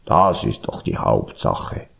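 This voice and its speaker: A man's voice: sing-song, slow pace, gravelly, fairly bright tone, exaggerated voice. A man voicing a grumbling, sweet-toothed bear in a told animal story. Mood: grumbly. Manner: grumbling, low.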